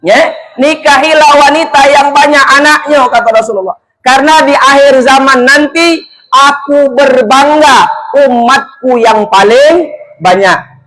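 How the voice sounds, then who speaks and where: A man's voice: extremely high pitch, a little slow, fairly bright tone, low-quality recording. A man giving a humorous wedding sermon, chatty and speaking straight to the couple. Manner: jokey, chatty, addresses the couple directly. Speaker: preacher at a wedding.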